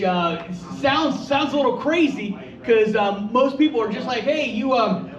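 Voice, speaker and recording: A young male comedian from Ohio with a fairly high voice works through a stand-up set, stammering and restarting his sentences in a shy, self-mocking way. He is heard from a distance in an echoey brewery room, and the recording sounds a little dull. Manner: halting, self-deprecating, stammers and restarts often. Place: brewery room with live audience.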